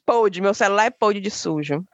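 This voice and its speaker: A woman co-hosting a podcast in casual chat, expressive and exclamatory, speaking in quick bursts. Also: mid-range voice, no echo, lo-fi sound. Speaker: podcast co-host.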